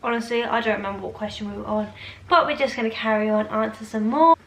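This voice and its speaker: A woman's voice: on the high side, fairly even intonation, quick pace, fairly bright tone. A British woman in her twenties chatting casually to camera in a rambling, informal, exaggerating way, answering questions as a vlogger. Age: 20s. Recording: echoey room, faint background noise.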